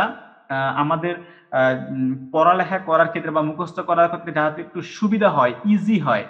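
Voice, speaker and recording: A man explains a lesson at a board in a fairly high voice, slowing down to spell syllables one at a time. He is patient and repeats things often. The sound is dull and lo-fi. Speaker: teacher. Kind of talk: whiteboard lesson.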